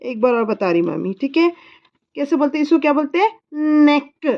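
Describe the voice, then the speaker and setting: A woman's voice: sits high, big pitch swings, a little fast, lo-fi sound. A woman teaching her child English body words, patiently repeating each word and spelling it letter by letter. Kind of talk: slow spelling lesson.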